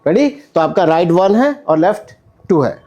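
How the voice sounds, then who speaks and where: High, lively man coaching a class. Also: a little slow, dull audio. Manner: energetic, counts and calls out corrections. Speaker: acting instructor. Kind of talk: coaching a stage-fight drill. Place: indoor acting studio with a class.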